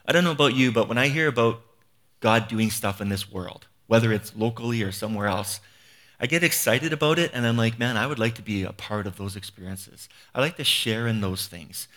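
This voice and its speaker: A man's voice: on the low side, fairly quick, a bit bright. A man in his fifties giving an earnest, conversational sermon, often restarting phrases and asking rhetorical questions. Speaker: preacher.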